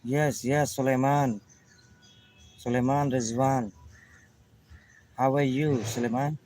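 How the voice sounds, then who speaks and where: A man from Pakistan with a Pakistani accent, chatting live with viewers in halting, simple English and greeting them by name. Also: medium pitch, fairly even intonation, a little mellow, slight background noise. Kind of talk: casual live chat.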